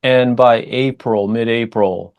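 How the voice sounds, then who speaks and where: A man's voice: mid-range voice, steady tone, slow, clear, resonant tone. A man born in Japan and raised partly in the United States, chatting as an interview guest in a loose, rambling way with many restarts. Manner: rambling, many restarts and fillers, laughs easily. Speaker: guest musician. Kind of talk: casual interview answers.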